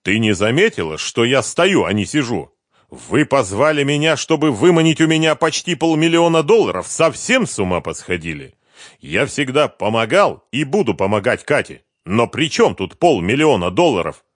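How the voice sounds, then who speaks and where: Man playing a tired divorced dad, firm, exasperated, lively pitch, dry sound. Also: moderate pace, no room sound.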